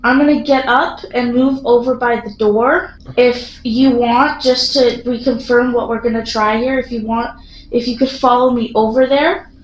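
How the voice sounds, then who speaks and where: A woman vlogging a ghost investigation in an excitable, spontaneous way, putting questions and requests to a spirit and often rephrasing them. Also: fairly high pitch, moderate pace, highs cut off. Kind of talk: spontaneous vlog narration while addressing a spirit with questions. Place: echoey room inside a castle. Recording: roomy echo, some background noise.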